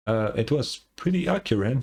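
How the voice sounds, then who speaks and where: With slight background noise, a man speaks at normal speed in a medium-pitched, expressive, gravelly voice that's a little mellow. He's a gaming streamer giving casual, reactive playthrough commentary with some swearing, also reading game dialogue aloud.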